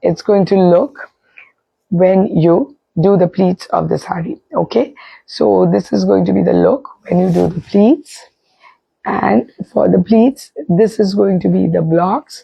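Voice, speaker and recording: A woman with an Indian Bengali accent hosting a live sari showcase, her voice hoarse and strained from a bad sore throat, often breaking toward a breathy whisper. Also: mid-range voice, dry recording, lo-fi sound. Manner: repetitive, with frequent "okay" check-ins. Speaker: live sari sales host. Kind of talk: live shopping presentation, casual product showcase.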